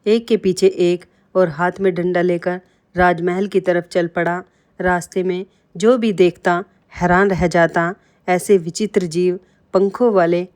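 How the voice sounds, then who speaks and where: A woman narrating a moral folk tale with scripted, steady storytelling. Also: on the low side.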